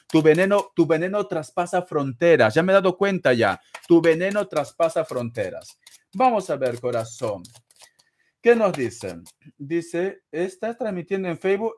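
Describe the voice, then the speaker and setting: A man with a fairly high voice runs a live-stream tarot reading. He talks in a chatty, teasing way and calls everyone sweetheart and darling. The sound is a plain streaming mic. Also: slight background noise. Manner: constant endearments, chatty and teasing, laughs often. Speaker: tarot reader answering paid chat questions.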